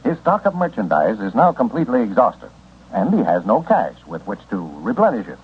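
Old-time radio announcer, man, husky voice, lively sing-song delivery, folksy pitch, scratchy thin broadcast sound. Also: brisk, narrow, tinny audio. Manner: folksy, upbeat sales pitch. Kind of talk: scripted old-time radio sponsor read and narration.

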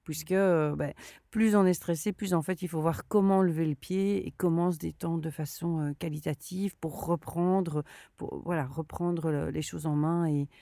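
A woman's voice: low voice, steady tone, normal speed, creaky, mellow, no echo, studio quality. A woman interviewing in a conversational way, with hesitant, searching phrasing as she explains and asks questions. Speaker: interviewer and burnout coach.

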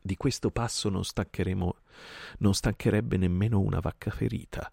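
A man's voice: deep voice, fairly even intonation, moderate pace, vocal fry, dark tone, slightly rough, no echo, studio quality, pitched above the performer's own voice, full character voice. A man doing a furious scolding panther. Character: furious proud female panther. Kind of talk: audiobook reading.

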